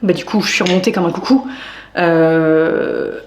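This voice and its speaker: A woman in her twenties telling a story in a casual video diary, animated and exasperated, talking straight to her viewers. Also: lowish voice, unhurried, echoey room, slight background noise. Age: 20s. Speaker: vlogger.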